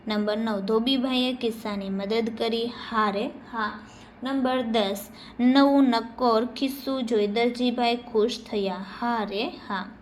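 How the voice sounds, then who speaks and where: A woman teacher reading out workbook answers and giving dialogue lines an expressive lift. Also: on the high side, slow, a little hiss or hum. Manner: reads dialogue lines with lively, expressive emphasis.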